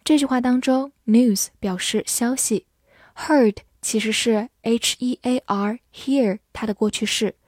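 A woman teaching English vocabulary in a scripted lesson, explaining meanings, spelling words out letter by letter and reading example sentences slowly. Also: a little high, dark tone, no room sound, studio quality.

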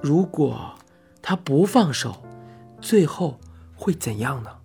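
Higher-voiced man reading a novel softly. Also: big pitch swings, takes it slowly, creaky, faint music behind. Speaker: audiobook narrator. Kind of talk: scripted narration.

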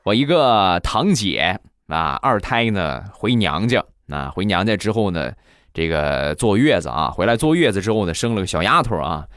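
A man with a fairly low voice tells comic anecdotes, his pitch jumping all over as he acts out scenes. The recording is dry and close to the mic, with no room sound. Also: normal speed, no room sound, faint music behind. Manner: animated, chatty, acts out voices. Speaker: comedy host. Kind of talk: comic storytelling.

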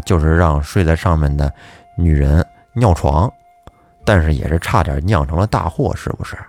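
Lively low-voiced male storyteller. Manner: lively, chatty storytelling with asides to listeners. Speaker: podcast storyteller. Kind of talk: folk tale narration.

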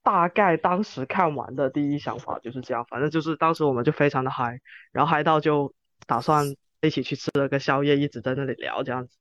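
A man's voice: a little high, quick pace, a bit bright, dry recording. A man with chatting casually and informally about film as a podcast host. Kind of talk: casual film discussion chat. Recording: dull lo-fi sound, music behind.

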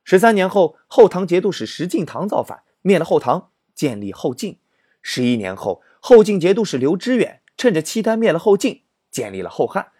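A man narrating history as a comic story, animated and exaggerated. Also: high voice, moderate pace, slightly rough, dry recording, studio quality.

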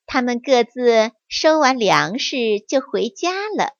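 Slow, gentle woman reading a bedtime story. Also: a little high, lively intonation, vocal fry, no echo, dull audio.

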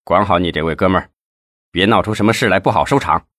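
A man voicing a stern, calm male official who speaks with firm authority. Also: deep voice. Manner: firm, measured.

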